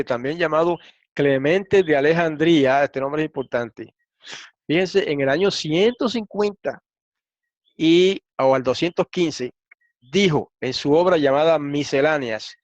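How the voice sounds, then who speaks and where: A man's voice: on the high side, no echo. A man teaching a Bible lesson, explaining step by step and checking in with listeners. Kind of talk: lecture reading through quotations. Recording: dull, dry lo-fi recording.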